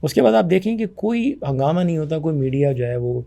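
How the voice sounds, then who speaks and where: Mellow-voiced man arguing his case. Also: a little high, very animated, gravelly. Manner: forceful, argumentative, acts out both sides of past conversations. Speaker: guest. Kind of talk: conversational interview.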